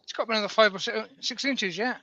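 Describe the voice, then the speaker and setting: A man's voice: sits high, quick pace, sharp tone, dry recording, lo-fi sound. A man hosting a woodturning live stream over a call, hesitant and self-mocking, with lots of ums. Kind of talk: casual live-stream chat.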